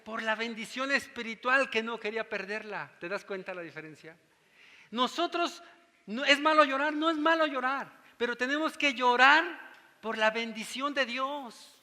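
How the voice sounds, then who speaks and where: A man's voice: very high-pitched, normal speed, pushed and bright, in a large hall. A man with a Mexican Spanish accent preaching a sermon as pastor, teaching and often asking whether his listeners follow him.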